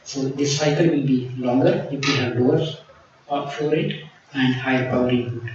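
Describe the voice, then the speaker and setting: A man's voice: mid-range voice, normal speed, lo-fi sound. Man, PhD candidate, hedging thesis defense answers, very roomy sound, distant mic, faint noise. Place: large echoey room.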